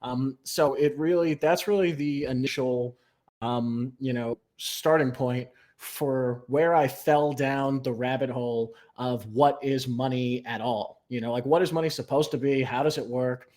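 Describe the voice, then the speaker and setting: Man calmly explaining as a podcast guest. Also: mid-range voice. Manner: measured explainer, many "um" and "you know". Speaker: guest, newsletter writer. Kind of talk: explanatory interview talk.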